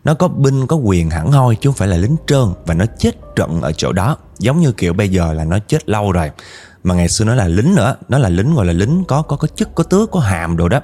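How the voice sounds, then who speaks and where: Man, lowish mellow voice, casual storyteller, gets animated quoting people. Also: a little fast. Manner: animated, rises in pitch when quoting angry speech.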